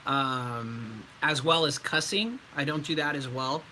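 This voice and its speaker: A man's voice: mid-range voice, measured pace, pushed and bright, a little hiss or hum, rough recording. A man who is a voice actor, answering viewer questions on his livestream in a casual, rambling way with frequent ums and likes.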